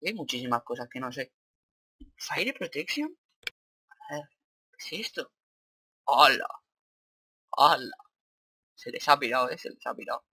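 Young male gaming YouTuber, Spanish accent, excitable and swears, bright tone, dry close mic. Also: medium pitch, unhurried, long pauses, slightly rough, dry recording. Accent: Spain Spanish. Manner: excitable, swearing, thinking aloud. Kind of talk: Minecraft let's play commentary.

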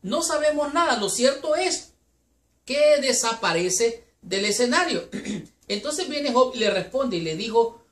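A woman with a slightly high voice teaches a Sabbath school Bible lesson. She speaks in an earnest, unhurried way and reads scripture aloud between her explanations. Her voice rings in a roomy, echoey space. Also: lively intonation. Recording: echoey room.

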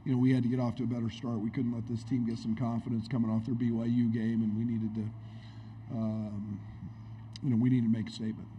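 A middle-aged coach speaks into a table mic at a postgame press conference, his voice warm and mellow. He pauses often and circles back on his words while thinking. A faint room hum sits behind him. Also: mid-range voice, little pitch movement. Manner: halting, reflective, many restarts. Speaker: head basketball coach. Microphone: table microphone on stand.

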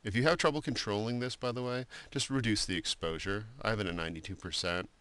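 A man giving a screen-recorded software drawing tutorial, talking loosely with many fillers and restarts. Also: lowish voice, fast talker, clean tone, dry recording. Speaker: art instructor.

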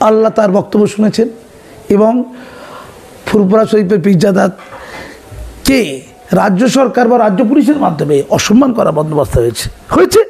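A man's voice: high-pitched, very animated, fast talker, gravelly, a little mellow, slightly rough. A man argues heatedly. His commentary is mocking and sarcastic, and he drives each point home by repeating words over and over. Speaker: political commentator. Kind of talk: impassioned political commentary.

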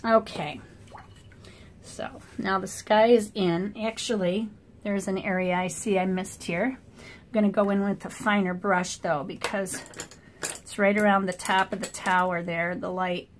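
A middle-aged woman, a watercolor artist, chatting in a relaxed way as she paints at a table indoors, picked up by an overhead camera mic. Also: mid-range voice, a little slow, background noise. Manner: relaxed, chatty running commentary. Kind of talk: thinking aloud while painting.

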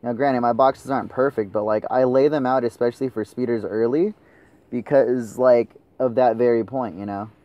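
A man's voice: mid-range voice, fairly even intonation, moderate pace, highs cut off. A young man commenting over his own gameplay, swearing and ranting at his teammates. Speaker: gaming channel host.

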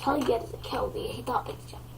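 A woman's voice: fairly high pitch, very fast, gravelly, in a whisper, voice pushed down. Grumpy nasal dad, scolding, name-calling, a woman voices it in a game video. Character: grumpy insulting father, short-tempered.

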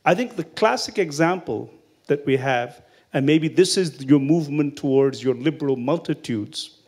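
A man's voice: fairly high pitch, moderate pace, darkish tone, husky. Man making a discursive comment. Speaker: audience member commenting. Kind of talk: audience comment.

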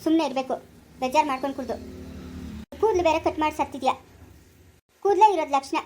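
A woman playing a calm elder sister who firmly soothes her crying sibling, speaking in a rural Karnataka Kannada accent in an amateur family drama. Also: high voice, fast talker, a little hiss or hum, lightly acted. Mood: soothing. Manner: coaxing, firm, repetitive.

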